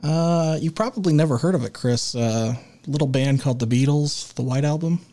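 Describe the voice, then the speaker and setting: A man co-hosting a casual music podcast, leading the talk in a halting way with many filler sounds and restarts. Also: on the high side, dark tone. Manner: leads the discussion and segues. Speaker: podcast co-host.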